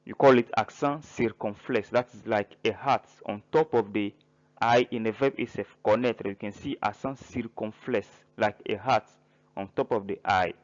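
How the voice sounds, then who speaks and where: A man teaching a French grammar lesson in English, listing verbs slowly and spelling out word endings letter by letter. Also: on the low side, highs cut off. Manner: spells words out letter by letter, pauses between listed verbs. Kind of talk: slow grammar lesson narration.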